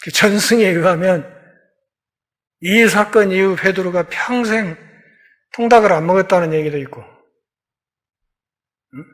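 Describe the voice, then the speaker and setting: A man pastor giving a Bible lecture sermon, telling the story and acting out the characters' dialogue, moving between loud emphatic passages and quiet, low ones. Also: a little slow, pauses often.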